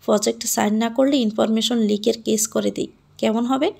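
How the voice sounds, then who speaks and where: A woman voicing an arrogant young male boss who gives curt, mocking orders, in a higher voice with a gravelly edge. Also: steady tone, normal speed, mellow, exaggerated voice. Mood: sneering. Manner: curt, commanding, sneering.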